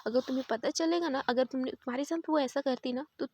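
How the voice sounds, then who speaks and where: A woman's voice: sits high, quick pace, darkish tone, husky. A woman voicing a young male waiter who stammers and grumbles in a retold story. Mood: grumbling.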